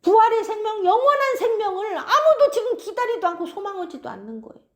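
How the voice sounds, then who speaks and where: A woman's voice: extremely high pitch, sing-song, fast talker. A woman preaching an expository sermon, keeps prompting her listeners.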